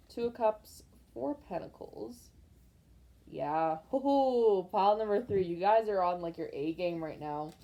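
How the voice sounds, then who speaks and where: A young woman reads tarot cards for her viewers in a chatty, excitable way, often trailing off with "like". Her voice sits slightly low and sounds warm and mellow. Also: vocal fry. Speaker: tarot reader. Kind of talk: pick-a-card tarot reading.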